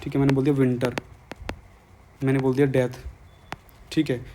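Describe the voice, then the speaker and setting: A man's voice: medium pitch, level tone, moderate pace, noisy background. A man with a Hindi accent teaching an exam-prep English grammar lesson, coaxing students and repeating his questions.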